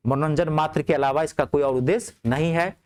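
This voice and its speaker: A male teacher with a slightly high voice tells a humorous story to his class. He talks in a chatty way and repeats phrases for effect. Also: fairly even intonation, brisk.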